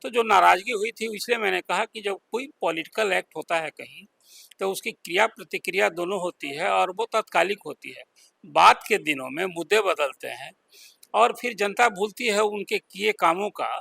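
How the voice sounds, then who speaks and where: A man giving political analysis as a senior journalist on a panel, explaining slowly with pauses. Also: high voice, lively intonation, gravelly, sharp tone, slightly rough, no room sound. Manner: deliberate, explanatory, with pauses and fillers.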